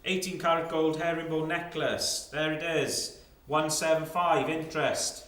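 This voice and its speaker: A man's voice: on the high side, fairly even intonation, a little slow, fairly bright tone. A man working as a fine art auctioneer, calling lots and repeating bid figures in clipped, rolling phrases. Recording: roomy, echoing sound.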